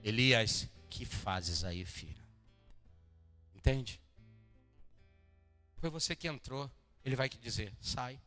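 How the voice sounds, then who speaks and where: A male pastor from Rio de Janeiro preaching to his congregation, swinging between quiet asides and loud emphatic lines and joking with the people. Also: medium pitch, expressive, slow, long pauses. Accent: Brazilian Portuguese, Rio de Janeiro. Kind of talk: sermon. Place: church hall. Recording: long hall reverb, faint guitar behind.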